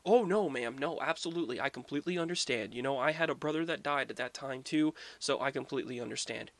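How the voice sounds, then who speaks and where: A man's voice: mid-range voice, fast, natural voice. A man voicing a polite, formal revolutionary recruiter going door to door asking for support. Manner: formal, courteous, salesman-like.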